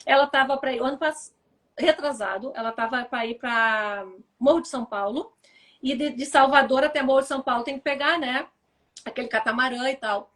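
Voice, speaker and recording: A woman's voice: high voice, a little fast. A woman, a therapist chatting casually on a live stream and acting out the lines of the people in her stories. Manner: animated storytelling, acts out quoted dialogue. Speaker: therapist and mentor.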